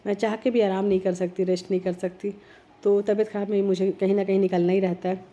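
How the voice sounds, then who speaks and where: A middle-aged woman with a cold, talking earnestly in a casual vlog, her voice heavy and hoarse. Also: flat delivery, fast talker, dark tone, highs cut off. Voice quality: heavy, low-sounding voice. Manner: earnest, reflective, rambling. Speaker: vlogger.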